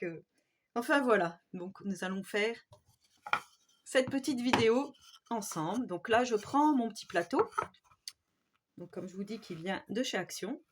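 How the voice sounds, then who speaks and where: A fairly high-voiced woman with a strong Haute-Marne accent talks through a home craft tutorial in an easygoing, chatty way. She hesitates often, fills gaps with "euh", and tags her sentences with "hein". A faint noise sits under her voice. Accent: Haute-Marne French with Swiss border touches. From Haute-Marne, France. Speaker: craft YouTuber. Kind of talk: casual DIY tutorial talk.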